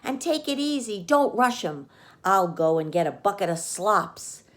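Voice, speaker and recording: Lady doing a farmer guy from a kids book, practical, steady, telling his farmhand what to do. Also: medium pitch, a little slow. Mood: practical, directing. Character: practical farmer man calmly directing his hired hand.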